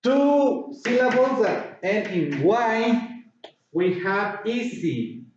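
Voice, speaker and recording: A man teaching an English grammar lesson, slowly repeating words and spelling letters out. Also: sits high, animated. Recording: echoey, distant, dull room sound.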